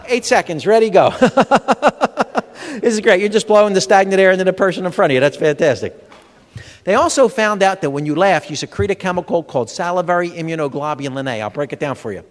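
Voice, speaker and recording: Animated high-pitched comedian in a hall. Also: male voice, quick pace. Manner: animated storyteller, acts out dialogue, addresses audience. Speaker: comedian and humor educator. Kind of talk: stand-up comedy talk. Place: large expo hall before a live audience. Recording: long hall reverb.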